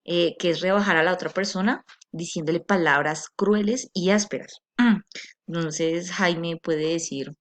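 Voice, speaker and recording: Patient woman teacher with a low voice. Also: a little slow. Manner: checks in with frequent tag questions; patient, explanatory. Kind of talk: recorded online class lecture.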